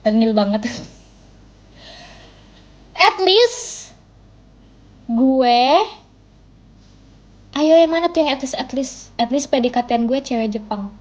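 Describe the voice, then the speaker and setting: On a livestream, a young Indonesian woman chats casually, teasing and poking fun at herself in playful banter. Her voice is a little high and animated, moving at a slow pace with long pauses. The phone mic gives dull, lo-fi stream audio.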